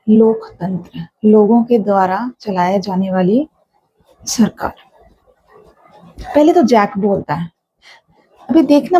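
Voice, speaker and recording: A woman's voice: fairly high pitch, dark tone, slightly rough, no echo. A woman teacher, explaining a text to students step by step and mixing Hindi with English. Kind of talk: classroom lecture explaining a text. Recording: dull, muffled sound.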